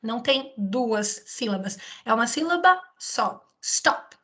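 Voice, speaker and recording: Brazilian woman teacher, high bright voice, explains step by step and keeps checking in with students. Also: lively intonation, a little slow. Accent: Brazilian Portuguese. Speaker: English teacher. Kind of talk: recorded video lesson.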